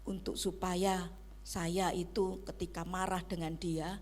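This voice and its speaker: A woman pastor preaching a sermon in church, switching between loud emphasis and near-whispered asides. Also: on the low side, level tone, slow.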